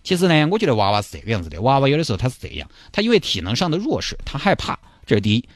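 Brief: male storyteller, very lively pitch, dry close sound. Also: rapid-fire, no echo. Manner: chatty, explanatory. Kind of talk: comic storytelling.

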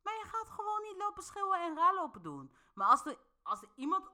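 Speaking a bit fast, this female vlogger has a very high voice whose pitch swoops wildly, pushed and bright. She addresses her viewers playfully and casually, laughing a lot and checking in with questions to see if they follow.

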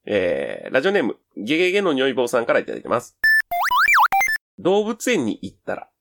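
A man with a Kansai accent co-hosts a casual comedic radio chat. His pitch leaps around a great deal and he talks in an easygoing, good-humored way. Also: wildly swooping pitch, a little fast, creaky. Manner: easygoing, laughs often. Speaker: radio show co-host.

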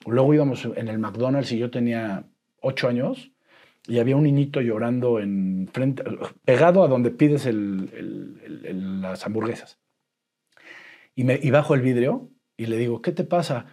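A man with a Mexican Spanish accent tells a personal story in a loose, slangy way. He swears casually and restarts his sentences often. His voice sits at a medium pitch. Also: moderate pace. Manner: colloquial, profane, animated storytelling with frequent restarts. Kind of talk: casual storytelling in a podcast chat.

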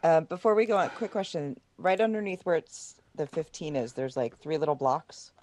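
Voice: medium pitch, animated, moderate pace, a little mellow, slight background noise. A player in a tabletop game, chatty and full of questions. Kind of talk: tabletop role-play chat.

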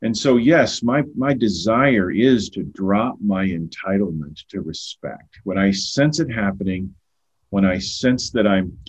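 Appearing as a podcast guest, an older man speaks earnestly in conversation, frequently repeating words as each thought begins. His voice is loud, husky and lowish, unhurried with lively intonation. The recording has a dull, lo-fi quality.

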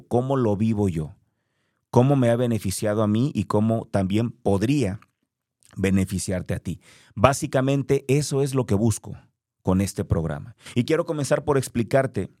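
A man with a lowish, mellow voice hosts a reflective podcast. He talks earnestly and straight to the listener, repeating key words for weight. The sound is dry and close. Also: no room sound. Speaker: podcast host. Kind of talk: reflective motivational monologue.

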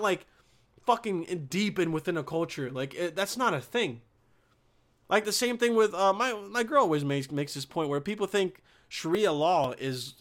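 Speaking in a high-sitting voice with a fairly bright tone, a young man from Bosnia wanders through a casual monologue. It's slangy and full of profanity, and he often breaks off to restart a sentence.

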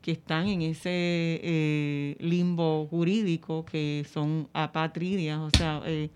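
A woman explaining things in an interview, haltingly and searching for words. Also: low voice, flat delivery, background noise.

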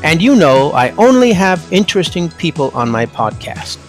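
A man's voice: a little high, big pitch swings, normal speed, faint music behind. A man hosting a podcast in a casual, chatty interview style. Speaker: podcast host.

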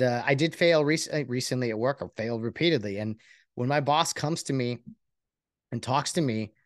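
A man hosting a podcast alone, talking in a rambling, earnest and self-reflective way, with many halting restarts. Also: medium pitch, dry recording, studio quality. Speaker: podcast host. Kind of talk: casual solo podcast monologue.

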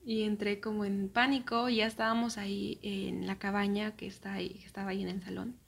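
A woman's voice: medium pitch, little pitch movement, fairly quick, vocal fry, breathy edge. Mexican woman telling a personal story. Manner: often drops into soft, near-whispered asides.

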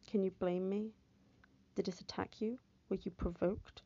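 A woman's voice: mid-range voice, fairly even intonation, unhurried, warm tone, husky. A woman voicing a wrathful male fairy beast in an audiobook, speaking in stern, clipped threats. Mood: menacing. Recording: dull lo-fi, dry.

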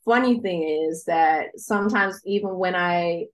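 A woman's voice: lowish voice, a little slow. A woman from the Netherlands with a Dutch accent, a singer and songwriter speaking as an interview guest, upbeat and encouraging, and she laughs easily. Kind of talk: casual interview chat.

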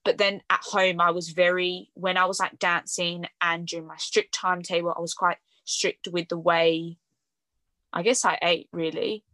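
A woman's voice: on the low side, little pitch movement, moderate pace, fairly bright tone, no room sound. A young woman hosting a podcast, chatting casually with frequent fillers and light laughs. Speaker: podcast host. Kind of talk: casual conversational podcast chat.

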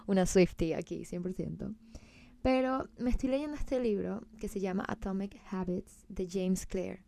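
A woman's voice: mid-range voice, unhurried, vocal fry, mellow. A young woman hosting a solo podcast in a casual, chatty, emphatic way, mixing in English words. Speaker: podcast host.

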